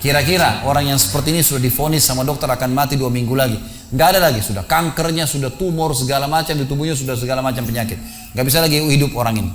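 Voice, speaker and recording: Fast-talking male preacher. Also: medium pitch, a little hiss or hum. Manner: vivid, talks straight to the congregation. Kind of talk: mosque sermon with storytelling. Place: mosque.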